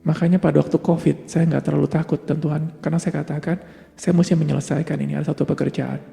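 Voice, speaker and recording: Gravelly high-voiced preacher in a reverberant hall. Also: male voice, little pitch movement, quick pace, dark tone. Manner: rhetorical questions answered himself, rising to emphatic peaks; mixes English words into his talk. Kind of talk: sermon. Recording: long hall reverb with faint music behind.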